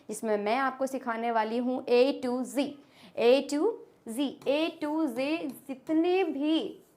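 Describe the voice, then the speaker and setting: A young woman, an English trainer teaching pronunciation. She asks questions and answers them herself, repeating each word. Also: high-pitched. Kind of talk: spoken English lesson.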